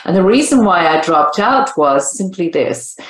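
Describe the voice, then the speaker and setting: An older woman with a Zimbabwean accent answers interview questions in an upbeat storytelling manner. Her voice sits low for a woman. The recording has a roomy echo around it. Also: animated, measured pace. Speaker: guest, senior living coach.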